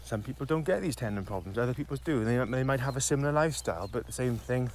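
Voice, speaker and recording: A man co-hosts a physio podcast while out on a country walk, his voice at an ordinary middle pitch. He explains with lots of restarts and trailing phrases. Faint birdsong and outdoor ambience sit quietly under him. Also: animated, quick pace, slight background noise. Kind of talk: casual chat on a walk. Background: faint birdsong and nature ambience.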